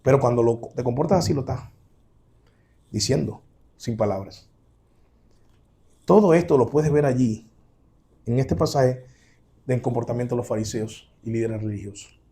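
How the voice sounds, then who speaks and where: Addressing the congregation as brothers, a male pastor delivers a sermon full of rhetorical questions, alternating loud emphatic outbursts with hushed asides. He speaks at normal speed and leaves long pauses.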